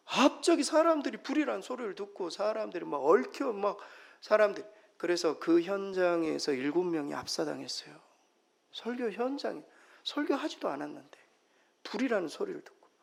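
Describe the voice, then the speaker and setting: A man preaching a Sunday sermon as pastor, emphatic, moving between loud exclamations and soft near-whispers. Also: high-pitched, gravelly. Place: church sanctuary. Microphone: microphone.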